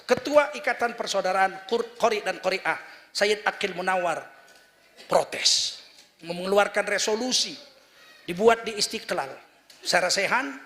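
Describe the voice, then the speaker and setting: Man in his fifties, preacher, lively sermon, rhetorical questions, high voice, long hall reverb. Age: 50s. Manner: animated, mocking impressions and rhetorical questions. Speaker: Islamic preacher.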